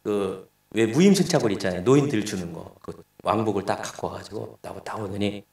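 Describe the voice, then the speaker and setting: A man's voice: fairly low pitch, a little fast, creaky, a little mellow. A middle-aged male pastor preaching a sermon, telling a family story and acting out the dialogue. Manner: storytelling, acts out dialogue in quoted voices. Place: church sanctuary. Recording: echoey church hall, distant mic.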